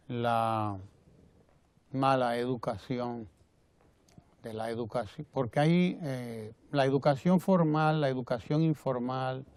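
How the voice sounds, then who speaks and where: A man with a Dominican Spanish accent giving televised opinion commentary, measured and often rephrasing himself. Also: mid-range voice, a little mellow, dry recording. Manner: measured, repeats and rephrases phrases. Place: TV studio.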